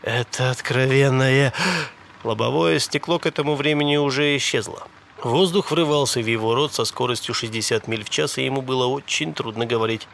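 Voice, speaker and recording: A man narrating an audiobook in a steady storytelling manner. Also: mid-range voice, brisk, gravelly, a little hiss or hum. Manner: steady storytelling with dramatic voices.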